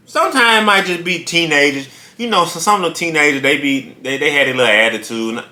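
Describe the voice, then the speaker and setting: A man hosting an eating show, chatting casually and telling animated stories while he chews his food. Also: on the high side, fairly quick. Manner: talks while chewing food; animated storytelling. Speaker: mukbang host. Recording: roomy echo.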